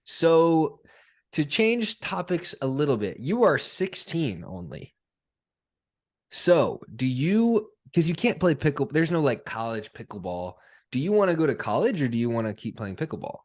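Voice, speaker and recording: A man's voice: fairly high pitch, very animated, moderate pace. A young man hosting a casual podcast chat, laid-back and chatty, laughing often. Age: young adult. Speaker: podcast host.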